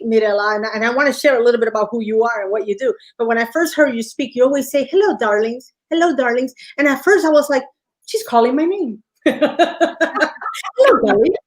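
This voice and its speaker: A woman hosting a show, introducing her guest with effusive praise and repeated welcomes. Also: on the high side. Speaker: co-host.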